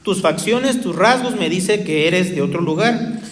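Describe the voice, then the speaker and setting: A man's voice: sits high, lively intonation, moderate pace. A man voicing a skeptical male Roman philosopher who fires off incredulous questions, told within a sermon. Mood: questioning. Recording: echoey hall reverb.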